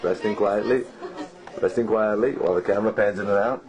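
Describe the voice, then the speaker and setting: A man's voice: fairly low pitch, fairly even intonation, brisk, crowd noise. A man holding a camcorder at a family Christmas gathering, joking and humming nonsense scat as he films, heard on an old VHS home video tape. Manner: jokey, hums nonsense scat sounds. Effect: old VHS camcorder home video sound. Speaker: home video camera operator. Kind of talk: playful running commentary while filming. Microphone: built-in camcorder mic. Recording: old VHS tape with loud music behind.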